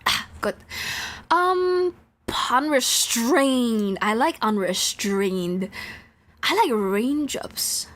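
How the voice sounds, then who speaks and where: Her voice sits on the high side, animated and fairly bright, with drawn-out words. She's a live streamer playing a visual novel, rambling playfully to viewers and singing nonsense syllables to herself.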